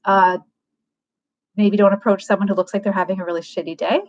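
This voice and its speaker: A woman's voice: mid-range voice, steady tone, a little fast. A woman hosting a livecast, giving frank, casual advice and thinking aloud with plenty of fillers. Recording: dull lo-fi livecast audio.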